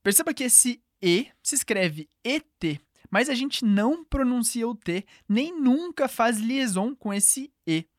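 A woman teaching a language lesson, clear and patient, slowing down to model each phrase. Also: a little high, expressive, no room sound, studio quality. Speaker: French teacher.

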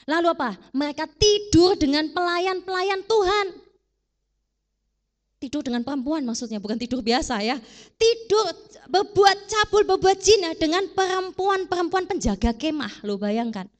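Brief: high-pitched woman preaching a sermon, casual and animated, quizzing her congregation.

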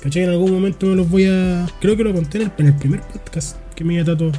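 A man's voice: high-pitched, steady tone, fast, dark tone, faint music behind. A young Chilean man telling rambling stories in casual podcast chat, full of slang. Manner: rambling storyteller, heavy slang. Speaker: podcast co-host.

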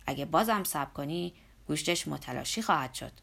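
A woman voicing a blunt, earthy older male laborer in an audiobook, speaking low and loud with a scolding manner. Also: expressive, gravelly, slightly rough, full character voice. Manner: lower pitched, loud and scolding. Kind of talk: audiobook character voice.

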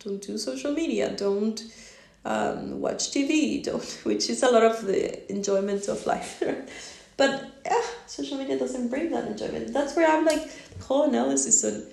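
Chatty woman with a gravelly voice. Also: a little high, normal speed, a little mellow, roomy sound. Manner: rambling, laughs often, fillers. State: yawning, drowsy. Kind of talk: casual solo talk. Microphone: phone on a stand.

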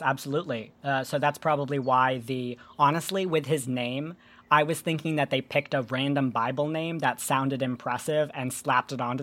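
A woman hosting a casual podcast, explaining myths and folklore in an animated, joking way with some swearing. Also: a bass voice. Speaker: podcast host.

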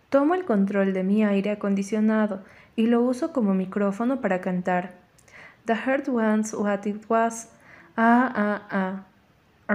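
A woman narrates a first-person novel as an audiobook, reading in a measured, unhurried way. Her voice is mid-pitched and mellow, with a soft, darker timbre.

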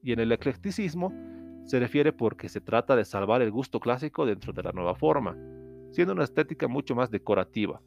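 A man from Latin America hosting an educational show, lecturing in a steady explanatory tone with occasional restarts. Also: mid-range voice, a little fast, creaky, dull audio, faint music behind. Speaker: host.

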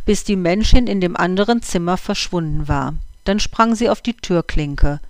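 A reader narrating a children's animal story in an even, measured way. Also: mid-range voice, no echo.

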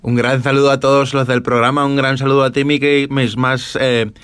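A man records a voice message full of formal, exaggerated greetings. His voice is smooth, dry and close, with a flat, even pitch. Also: normal speed, no room sound.

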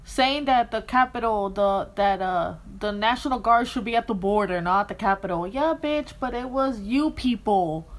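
A woman co-hosting a podcast, talking politics casually, with blunt, profane remarks. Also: fairly high pitch. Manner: blunt, profane, quick asides. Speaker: podcast co-host.

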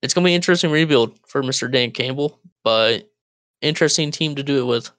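A young man chatting as co-host on a podcast, speaking over a voice call. He jokes around and laughs often. His voice sits at a middling pitch, and the sound is close and dry with no room echo. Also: fast talker, fairly bright tone, smooth. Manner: laughs often, loose and joking. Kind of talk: casual chat. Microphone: Discord voice call.

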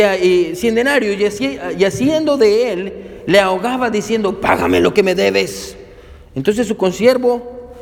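In a long, echoing hall, a male pastor with a fairly high but darkish-toned voice preaches to his congregation. He keeps posing rhetorical questions to them and urges them to follow along to the verses.

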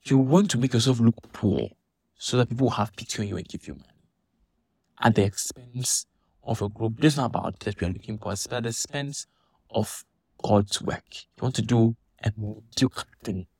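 A man giving an animated, indignant monologue, restarting his sentences often. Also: mid-range voice, moderate pace, breathy edge, no room sound, clean studio sound. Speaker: church member commenting on a dispute. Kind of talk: casual monologue vlog.

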